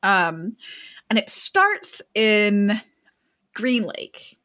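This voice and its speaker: Drawing out her words in a sharp-toned, very animated medium-pitched voice, a young woman casually walks a friend through a book's plot. Her rambling recap is full of fillers and restarts.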